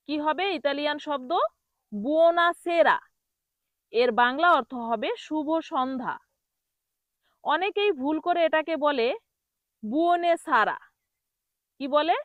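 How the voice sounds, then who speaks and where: A woman teaching pronunciation, repeating each word slowly and quizzing the listener. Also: high voice, dry recording, dull audio. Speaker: language teacher. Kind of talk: pronunciation lesson.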